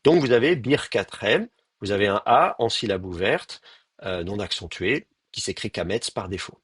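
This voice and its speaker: A man's voice: on the low side, animated, normal speed, a bit bright, husky, no echo. A man teaching a live grammar lecture, thinking aloud with many fillers and restarts and speaking straight to his students. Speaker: Hebrew teacher.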